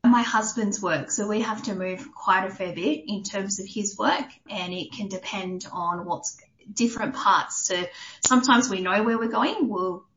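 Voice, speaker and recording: A woman's voice: medium pitch, moderate pace, fairly bright tone, echoey room, lo-fi sound, slight background noise. A woman in her thirties with an Australian accent, answering a podcast interview in a friendly, chatty way. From New South Wales, Australia. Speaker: podcast guest.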